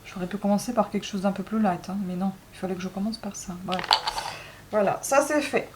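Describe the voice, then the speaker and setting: A woman's voice: medium pitch, a little fast, very noisy. Chatty joking woman vlogger. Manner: chatty, joking, grumbling, lots of "hein". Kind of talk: casual chat vlog.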